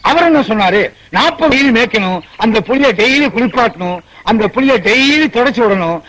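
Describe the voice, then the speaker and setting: A man's voice: very high-pitched, lively intonation, brisk, a bit bright, low-quality recording. An actor playing a hot-tempered, easily confused male office boss in a film comedy, firing back exasperated retorts. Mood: bickering. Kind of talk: Tamil film comedy dialogue. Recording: film soundtrack with background noise.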